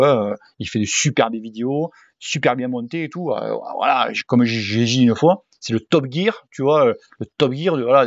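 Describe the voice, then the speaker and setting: A man's voice: mid-range voice, darkish tone, dry recording. Blunt, slangy cycling vlogger man. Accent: French, southern regional. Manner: blunt, slangy, swears freely. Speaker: cycling YouTuber and sports coach. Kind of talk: casual Q&A vlog. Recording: dull dry home recording.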